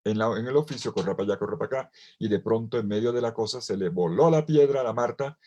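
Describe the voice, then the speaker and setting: Husky-voiced priest preaching. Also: male voice, on the low side, fast talker, dark tone. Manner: preaching with dramatic quoted voices and rising emphasis. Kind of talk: sermon at a virtual retreat.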